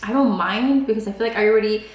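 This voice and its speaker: A woman in her twenties, pregnant and working as a beauty vlogger, chats while eating in a medium-pitched voice, talking fast. Spanish is her first language, "like" comes up constantly, and the sound is roomy.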